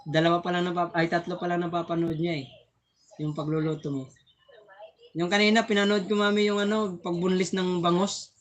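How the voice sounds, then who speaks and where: A man's voice: high-pitched, level tone, fairly quick. A man hosting a casual live stream on his phone, chatting and laughing often as he thanks viewers, sometimes tripping over his words.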